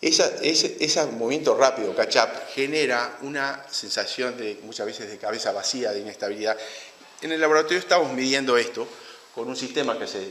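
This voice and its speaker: A male lecturer with a Uruguayan Spanish accent explains his material at a middle pitch, often stopping to restart phrases. His voice carries through a large room and rings with a long reverb. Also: a bit bright. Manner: halting, with frequent restarts and fillers. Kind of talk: academic lecture. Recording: roomy hall with long reverb.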